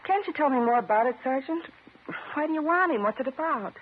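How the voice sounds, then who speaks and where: A woman's voice: sits high, lively intonation, a little fast. An actress playing an anxious, lovestruck married woman in an old-time radio drama, speaking in an earnest, wounded, dramatic way. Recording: noisy muffled old radio recording.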